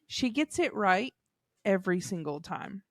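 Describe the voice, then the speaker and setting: A woman's voice: medium pitch, big pitch swings, unhurried, no room sound, clean studio sound. A woman, co-hosting a casual podcast and reading stories aloud with small laughs. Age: 30s. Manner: amused, laughs between lines. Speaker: podcast co-host.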